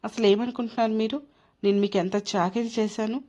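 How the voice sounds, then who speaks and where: A woman's voice: on the high side, steady tone, fast, mellow, lightly acted. A woman voicing a wronged young wife who is hurt, indignant and proud. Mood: angry, hurt. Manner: tearful, indignant. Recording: dull lo-fi recording.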